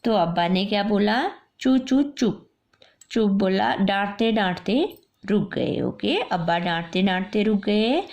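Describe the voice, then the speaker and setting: A woman's voice: mid-range voice, gravelly, a little mellow. A woman teacher reading a story aloud to a primary-school class, going back over each line and explaining what the words mean. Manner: slow patient explaining, repeating lines and defining words.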